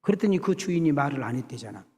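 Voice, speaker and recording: A man's voice: medium pitch, lively intonation, fast, darkish tone, in a large hall. A middle-aged South Korean pastor preaching a sermon to his congregation, often calling out to them and building to emphatic passages. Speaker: senior pastor. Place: church sanctuary.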